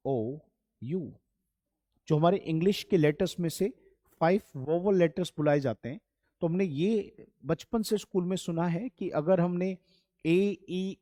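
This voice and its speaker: A man's voice: a little high, dark tone, no room sound, studio quality. A man teaching an English grammar lesson, patient and repeating key points while addressing his students as children, with an Indian accent. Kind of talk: classroom-style grammar lesson.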